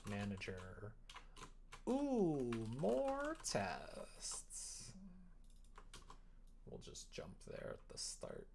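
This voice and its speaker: The host of a livestream muses aloud while coding a visual novel, mumbling and trailing off mid-thought. Their medium-pitched voice swings hugely in pitch, moves extremely slowly with vocal fry and frequent pauses, and has a slightly mellow quality. The room is noisy with typing and mouse clicks.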